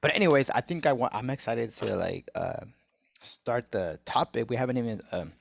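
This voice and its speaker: A man in casual podcast chat, telling animated stories about his old church and saying "bro" a lot. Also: medium pitch, moderate pace, gravelly, no room sound, muffled recording. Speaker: former church member, co-host.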